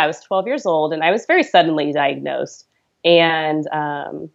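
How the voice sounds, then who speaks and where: A woman in her thirties, a podcast guest, tells her story in an earnest, chatty, conversational way. Her voice is low and gravelly, and the sound is lo-fi.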